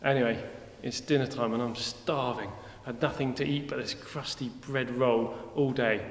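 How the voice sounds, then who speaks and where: A man's voice: mid-range voice, steady tone, normal speed, lightly acted. A man playing a rambling Roman centurion. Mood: puzzled. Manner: rambling, conversational, wry. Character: weary male Roman centurion, chatty, blunt. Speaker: actor in church children's video. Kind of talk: comic monologue. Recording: echoey hall with long reverb.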